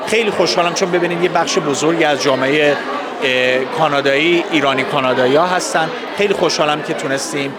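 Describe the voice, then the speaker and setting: A man with an Iranian Persian accent giving formal, courteous, halting interview answers. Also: a little high. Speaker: festival organizer interviewee. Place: public festival space with crowd. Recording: busy crowd noise, outdoor public event.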